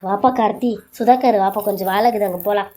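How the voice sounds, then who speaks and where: A woman's voice: medium pitch, fairly even intonation, fast, slight background noise, natural voice. A woman voicing a kindly mother-in-law who reassures her in-law in a family serial drama. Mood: gracious. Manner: warm reassuring talk to in-laws.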